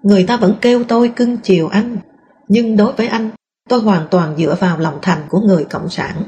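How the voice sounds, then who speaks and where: A woman reading a first-person memoir aloud in a calm, steady storytelling voice. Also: mid-range voice, a little fast, highs cut off, slight background noise. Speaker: narrator.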